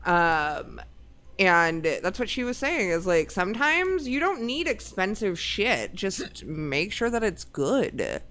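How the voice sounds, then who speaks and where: A woman's voice: mid-range voice, big pitch swings, slow pace, a bit bright. A woman chatting casually on a web show, telling stories with animation and swearing freely. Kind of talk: casual chat.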